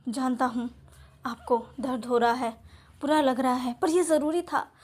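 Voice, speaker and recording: A woman's voice: high-pitched, steady tone, moderate pace, close to an everyday voice. A woman voicing an obsessive, possessive young man who pleads and stammers in repeated words. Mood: desperate, pleading.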